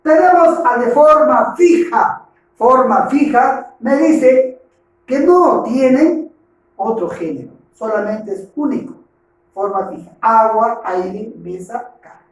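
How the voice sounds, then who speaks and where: A man teaching a grammar lesson. He asks rhetorical questions, answers them himself, and often ends points with a tag question. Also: extremely high pitch. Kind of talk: recorded grammar lecture. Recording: very echoey room, voice far from mic.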